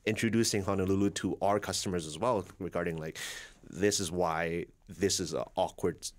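A young man, a restaurant manager, chatting as a radio studio guest, relaxed with lots of "like"s. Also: low-pitched, normal speed. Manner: relaxed, laughs often, "like" fillers. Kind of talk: casual interview chat. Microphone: studio mic on boom arm, headphones.

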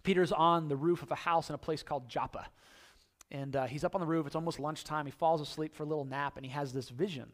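High-voiced animated male pastor preaching. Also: fast. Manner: animated storytelling, acts out quoted voices, rising excitement. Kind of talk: sermon. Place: church.

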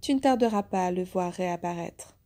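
A woman voicing a kindly middle-aged male detective who speaks calmly and affectionately to his daughter. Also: lowish voice, brisk, close to an everyday voice. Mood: teasing.

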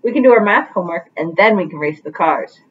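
A woman's voice: on the low side, expressive, fast, distant mic, lightly acted. Woman doing helpful kid cat in a picture book, boy, encouraging, lo-fi audio. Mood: upbeat, encouraging. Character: cool young male cat, helpful math-loving pupil.

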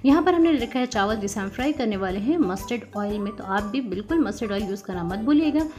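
A woman's voice: medium pitch, expressive, fast, over music. A woman hosting a home cooking tutorial, talking viewers through each step in a friendly, chatty way. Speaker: cooking channel host.

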